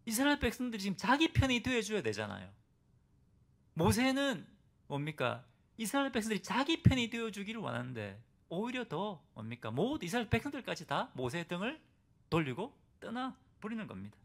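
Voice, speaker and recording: A male pastor delivers a Sunday sermon in a high voice. He swings widely between low and high as he preaches. He keeps asking the congregation rhetorical questions and now and then acts out the voices of biblical figures. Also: wildly swooping pitch, a little fast, gravelly. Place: church service.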